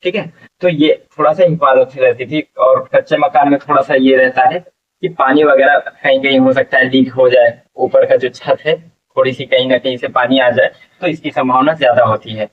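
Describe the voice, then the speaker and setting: A man teaching an English vocabulary lesson, explaining slowly and repeating each word, asking questions and answering them himself. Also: mid-range voice, fairly even intonation, recorded from a distance, narrow, tinny audio.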